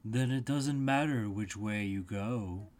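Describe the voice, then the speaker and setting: A narrator's Cheshire Cat, slow teasing storybook creature. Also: mid-range voice, darkish tone, natural voice. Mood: amused, cryptic. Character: Cheshire Cat, good-natured mad grinning male talking cat. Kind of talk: storybook character reading.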